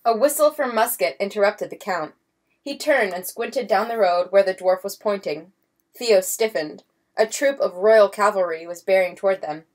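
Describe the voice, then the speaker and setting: A woman narrating a storybook chapter in a measured reading voice. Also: mid-range voice, a little mellow. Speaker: audiobook narrator. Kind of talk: scripted narration.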